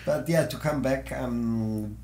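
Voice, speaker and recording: A man's voice: mid-range voice, takes it slowly, vocal fry, a little mellow. A podcast host from Austria whose first language is German, talking eagerly in a casual chat and often searching for words and restarting his phrases. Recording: echoey room with faint hum.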